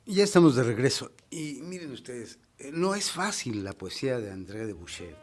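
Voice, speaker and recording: A man's voice: medium pitch, very animated, moderate pace, music in the background. A middle-aged man hosting a poetry program, talking in a reflective, hesitant way with many repeated words and fillers. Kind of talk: slow, reflective talk on poetry.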